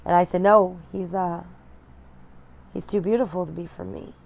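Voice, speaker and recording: A young woman telling a personal story to her viewers, candid and emotional, often pausing and restarting her sentences. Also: lowish voice, fairly even intonation, gravelly, darkish tone, a little hiss or hum. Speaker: vlogger.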